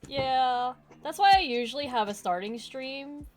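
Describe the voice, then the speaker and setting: A woman's voice: high voice, unhurried. A woman streamer chatting casually before a tabletop game, rambling and restarting her words. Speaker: streamer and player. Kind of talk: casual chat.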